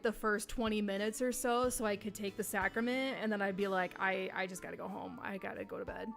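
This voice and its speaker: A woman casually chatting on a livestream, greeting viewers by name between many ums and pauses. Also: mid-range voice, fairly bright tone. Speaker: livestream host.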